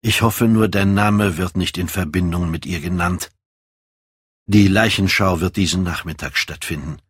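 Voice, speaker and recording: Male reader voicing a middle-aged painter, earnest, gently insistent, low husky voice. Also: moderate pace, dry recording, clean studio sound.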